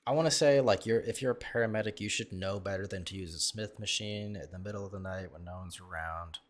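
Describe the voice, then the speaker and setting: Crude, rambling low-voiced man. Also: fast. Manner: crude, self-mocking, full of fillers and restarts. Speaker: streamer reacting to videos. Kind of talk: casual rambling storytelling.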